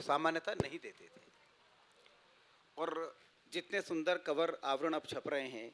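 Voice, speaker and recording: Man, 50s, publisher, formal panel talk, measured and emphatic, somewhat high pitch. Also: fairly bright tone, slight background noise, rough recording. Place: stage at a literature festival.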